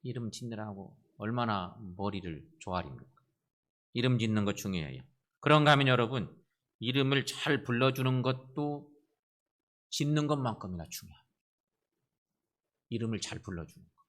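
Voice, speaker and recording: A man's voice: mid-range voice, lively intonation, normal speed, pauses often, fairly bright tone. A man preaching a sermon as pastor, earnest, repeating key phrases and turning to the congregation with direct questions.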